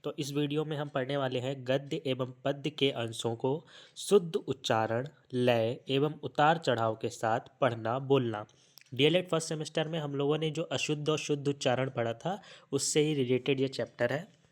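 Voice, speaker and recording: Male tutor for an exam-prep class, mid-pitched voice, patient step-by-step delivery, poses a question and answers it himself. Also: steady tone, normal speed. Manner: explains step by step with rhetorical questions; sprinkles English terms into Hindi. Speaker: teacher.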